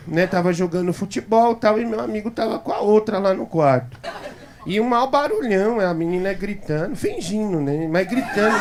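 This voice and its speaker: A fairly high-voiced man spins a raunchy comic anecdote as a talk-show guest. He chuckles through it and jumps into the voices of the people he quotes. A live studio audience laughs loudly behind him. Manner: animated, acts out quoted voices, chuckles while telling.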